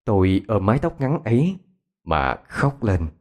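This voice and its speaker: A man with a Southern Vietnamese accent narrating a ghost story in an expressive way. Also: lowish voice, measured pace, background noise.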